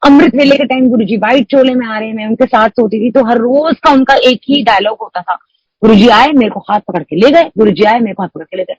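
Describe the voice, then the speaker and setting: A woman's voice: on the high side, fast, darkish tone, breathy edge, no room sound. Emotional young woman, dull call audio. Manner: emotional storytelling, mixing English into Hindi. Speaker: devotee sharing a testimony. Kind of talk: personal testimony at a prayer meeting.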